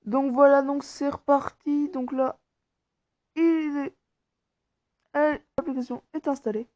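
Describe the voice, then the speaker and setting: A woman's voice: high-pitched, fairly even intonation, unhurried, a little mellow. A woman talking viewers casually through an app tutorial step by step, informal and rambling. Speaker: tutorial maker. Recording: dull, dry lo-fi recording.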